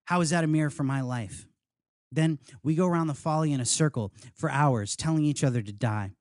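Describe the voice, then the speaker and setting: A man's voice: on the high side, brisk, darkish tone, no echo, clean studio sound. Man giving an earnest memoir reading. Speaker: author reading his memoir. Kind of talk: live literary reading. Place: house reading event, indoors.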